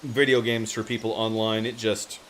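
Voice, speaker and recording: A man's voice: fairly low pitch, normal speed. A man chatting casually on a livestream, rambling and often trailing off as he loses his thread. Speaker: live streamer and fiction writer. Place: home office. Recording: steady hiss and room noise.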